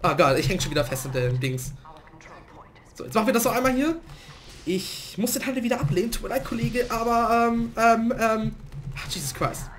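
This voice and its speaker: Excitable hoarse gamer. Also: male voice, sits high, brisk, slight background noise. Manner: excitable, swings to loud outbursts and laughter. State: slightly hoarse from a cold. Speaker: gaming let's player. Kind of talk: casual let's play commentary.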